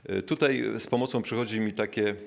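In a gravelly, fairly low voice, a man gives a reflective sermon, unhurried and measured. Key words get stretched for emphasis, and he pauses with small fillers as he hunts for what to say.

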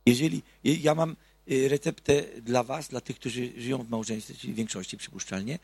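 A man giving a lively talk to an audience, firing rhetorical questions and swinging between loud outbursts and quiet asides, with a husky voice. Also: medium pitch, a little fast, dry recording. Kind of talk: lively public talk on marriage and society.

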